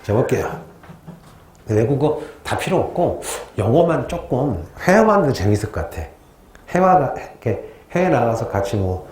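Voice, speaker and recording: Guy teaching history, chatty jokey lecture, warm mellow voice, echoey room. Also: medium pitch, big pitch swings, moderate pace. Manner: chatty, joking asides before teaching. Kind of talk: casual classroom lecture. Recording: roomy echo.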